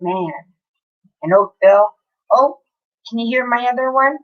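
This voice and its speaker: A woman's voice: on the high side, a little slow, highs cut off. A woman, livestreaming from home and telling a long story in a casual, chatty way with frequent swearing. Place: home, near an open window.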